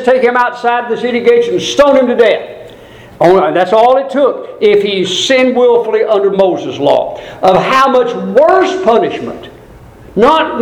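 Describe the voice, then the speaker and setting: High-voiced emphatic preacher in an echoey room. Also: male voice. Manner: emphatic, repeats key phrases; swings between high emphatic peaks and low grave asides. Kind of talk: sermon.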